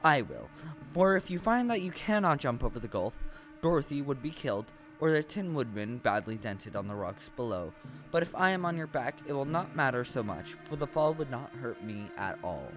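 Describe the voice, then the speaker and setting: A man playing an earnest, naive straw scarecrow in a stage audio play, talking with simple deliberate logic. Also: mid-range voice, very animated, soft background music, lightly acted. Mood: reasoning, eager.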